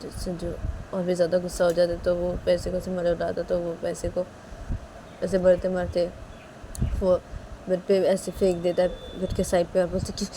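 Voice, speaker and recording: A woman casually narrating a romance story in a quiet, low-key voice. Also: monotone, moderate pace, slight background noise.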